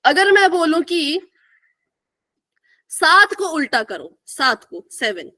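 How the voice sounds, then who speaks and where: A woman's voice: sits high, big pitch swings, slow, bright, forceful tone. A young woman teaching a live online math class, asking the students questions and repeating the key answers.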